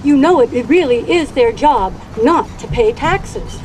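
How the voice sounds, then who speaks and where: A woman's voice: high-pitched, lively intonation, a little slow, a little mellow. A woman playing a pompous, privileged society lady in a satirical skit, speaking in a grand, mock-genteel manner. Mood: smug, playful. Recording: outdoor recording, faint traffic noise.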